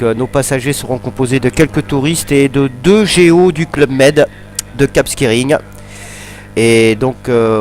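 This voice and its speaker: A man giving a casual, hesitant, step-by-step pilot's commentary on a flight. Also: medium pitch.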